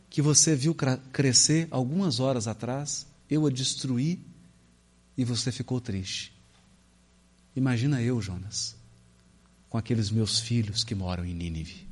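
A man with a Brazilian accent voicing God as a patient, fatherly figure who speaks slowly, gravely and softly in a sermon story. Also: mid-range voice, voice pushed down, close to an everyday voice. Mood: gentle, grave. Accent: Brazilian Portuguese. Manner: slow, hushed and grave. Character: stern yet tender God, fatherly and patient.

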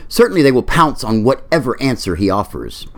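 Male pastor, sermon delivery, expressive storyteller with a wide pitch range. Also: brisk. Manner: lively storytelling, acting out quoted voices.

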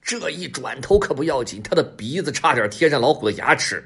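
Lively husky man telling kids' stories. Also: mid-range voice, a little fast. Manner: lively, expressive, talks to kids directly. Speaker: storyteller for children. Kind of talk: children's story narration.

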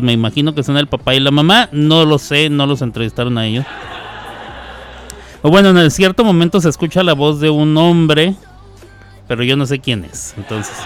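A man's voice: fairly high pitch, a bit bright, clean tone. Chatty radio host man. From Mexico. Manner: chatty, joking, reads listener messages aloud. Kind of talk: casual radio talk.

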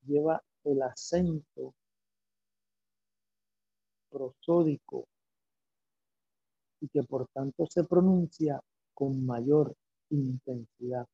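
A man teaching a lecture, speaking slowly and deliberately and asking himself rhetorical questions as he explains. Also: on the high side, gravelly, husky, no echo. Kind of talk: lecture on biblical poetry. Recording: dull lo-fi recording.

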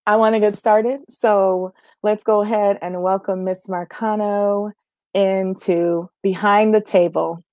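A woman's voice: medium pitch, fairly even intonation, slow, darkish tone. A woman hosting an interview show, introducing her guest and chatting with theatrical enthusiasm. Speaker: podcast host.

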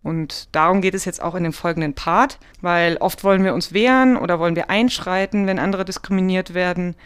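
A podcast host, talking in a measured, explanatory way. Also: medium pitch, a bit bright, smooth. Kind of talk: podcast interview and scripted segment.

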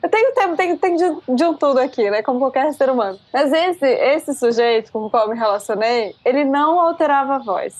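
A woman with a Brazilian accent co-hosting a casual podcast, an expressive, loud-spoken storyteller. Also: high voice, brisk, hardly any pauses, no echo.

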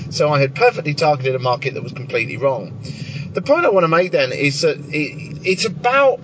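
A man talks through a podcast episode in a loose, rambling way, full of fillers and restarts. The sound is low quality: muffled, dull and captured from a bit away from the mic. Clear traffic and engine noise from the moving car sit behind him. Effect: low-quality recording, muffled and distant. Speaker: podcast host. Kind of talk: solo podcast monologue. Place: inside a moving car, as a passenger.

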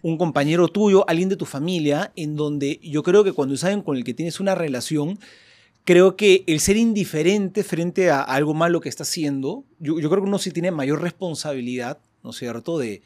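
Higher-voiced man chatting. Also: normal speed. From Peru. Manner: animated storytelling, seeks agreement with tag questions. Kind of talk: casual group conversation with anecdotes.

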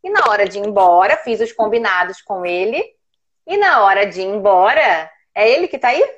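A woman and parenting educator telling a personal story in a casual call, animated as she acts out what was said. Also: medium pitch, moderate pace, dull audio. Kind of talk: casual video-call conversation.

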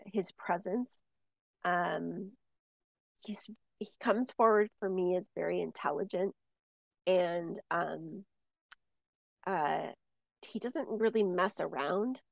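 A woman's voice: fairly low pitch, slow pace, gravelly, long pauses, dry recording. A woman talking casually as a medium, passing on spirit messages and telling a personal story, with many fillers and restarts. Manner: rambling with many fillers and restarts, lively when telling stories. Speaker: medium, podcast co-host.

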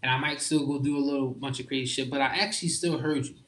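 Young man talking in halting slang. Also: medium pitch, steady tone, a bit bright. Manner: informal slang, halting restarts. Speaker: guest. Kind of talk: casual heartfelt conversation.

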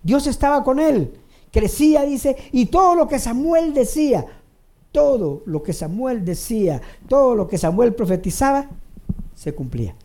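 A preacher giving a sermon to a congregation, addressing them directly, repeating phrases for emphasis and swinging between raised emphatic lines and low quiet asides. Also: big pitch swings, unhurried.

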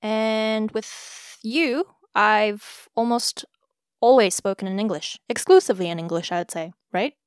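In a relaxed chat between sisters on a podcast, a young woman from South Africa thoughtfully responds to questions, her pace measured and sprinkled with gentle fillers. She has a clear, resonant, medium-pitched voice, recorded cleanly in a studio without any echo.

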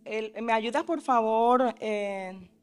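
Woman preaching, high voice. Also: slow, darkish tone, faint music behind. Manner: asks the listeners frequent questions, adds tag questions; acts out the disciples' cries with rising force. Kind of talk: sermon.

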